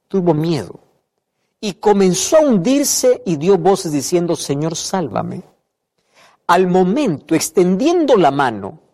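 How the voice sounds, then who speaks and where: A man's voice: high-pitched, warm tone. A man preaching a sermon, emphatic, repeating key phrases and putting questions to the listener. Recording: reverberant hall.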